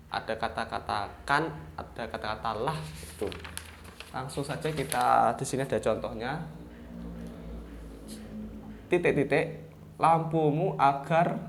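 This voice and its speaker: Male primary teacher, javanese-tinged indonesian, mid-pitched, slow patient explaining, keeps asking "ya?", bit of faint hiss behind. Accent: Javanese-influenced Indonesian. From East Java, Indonesia. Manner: explains slowly with repeated "ya" and "nah" checks; demonstrates example sentences with raised intonation. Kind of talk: online classroom lesson.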